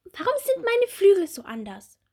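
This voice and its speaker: A woman's voice: big pitch swings, normal speed, darkish tone. A woman voicing a little bumblebee girl who is timid and full of wondering questions, in a storybook. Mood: wondering eager. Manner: high, eager, questioning.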